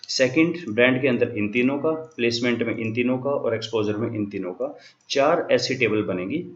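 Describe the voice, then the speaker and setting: A man lectures in a mid-range voice, walking through each step and switching between Hindi and English terms. The sound is roomy and echoing. The recording is a little dull and lo-fi. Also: mid-range voice. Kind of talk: classroom lecture. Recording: echoey room, dull lo-fi sound.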